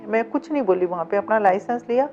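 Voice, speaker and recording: A woman's voice: mid-range voice, animated, fast talker, a little mellow. Middle-aged woman retelling her story. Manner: vivid retelling that acts out past dialogue. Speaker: interview guest, cab driver. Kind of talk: personal storytelling in an interview. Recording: dull lo-fi sound with faint background music.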